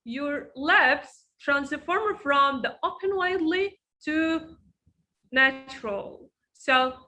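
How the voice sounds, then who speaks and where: Woman teacher: high, bright voice, unhurried, demonstrates sounds slowly for an online class. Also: rough recording. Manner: slow, explanatory, drawn-out demonstrations of sounds. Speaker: English pronunciation teacher.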